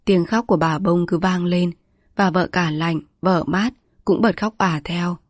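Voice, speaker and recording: A woman narrates a rural story in a calm, measured storytelling voice. Her voice sits low, and the recording is dry and close, with no room sound. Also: no echo. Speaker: audiobook narrator.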